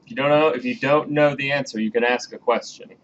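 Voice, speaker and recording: Talking fast in a fairly bright, mid-range voice with fairly even intonation, a thirtysomething man teaches programming in a classroom. His casual, chatty style invites students' questions, captured on a muffled lo-fi recording with light hiss.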